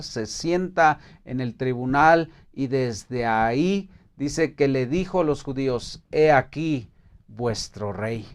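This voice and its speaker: A man's voice: medium pitch, clean tone. A man with a Mexican Spanish accent teaching a Bible study in a casual, hesitant way, with many fillers and restarts, reading verses aloud.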